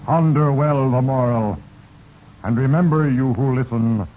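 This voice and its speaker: An actor playing Fate, a sinister, solemn narrator with a pompous, ominous delivery in a 1940s radio drama. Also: male voice, mid-range voice, a little slow, close to an everyday voice. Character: Fate, sinister solemn narrator who manipulates mortal lives. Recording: muffled, noisy 1940s radio recording.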